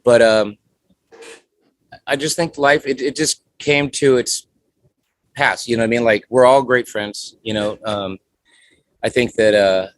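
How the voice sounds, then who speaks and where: A guest musician in his forties chats casually in an interview, rambling and leaning on many "you know" fillers. His medium-pitched voice stays steady at a measured pace, broken by long pauses.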